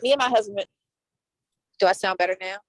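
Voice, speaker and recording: A woman's voice: mid-range voice, brisk. A woman calling in while driving home, speaking hesitantly and apologetically as her call audio breaks up and cuts in and out. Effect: call audio breaking up and cutting in and out. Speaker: caller asking about insurance. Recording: distant, dropping call audio.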